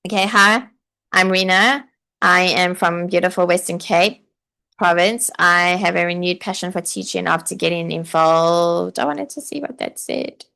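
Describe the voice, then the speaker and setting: With vocal fry and a pushed, bright quality, a woman on the low side of pitch talks at a moderate pace during a live stream. Coaching aspiring online teachers, she's chatty and encouraging, reads out viewer comments, and fills her speech with "like" and "okay."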